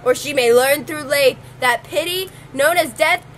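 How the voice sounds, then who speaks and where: A woman's voice: high-pitched, unhurried, a bit bright, a little hiss or hum. A young woman playing a stern, wrathful tyrant king in an amateur stage scene, commanding and swearing oaths. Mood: cold.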